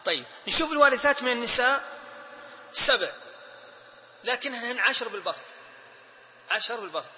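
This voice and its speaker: A man leads a classroom lesson, rattling off lists and prodding students with quick questions. The sound carries a long reverb from the room. The recording is dull and lo-fi. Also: very high voice, expressive. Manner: drills lists, prompting students with short questions. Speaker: teacher of Islamic inheritance law.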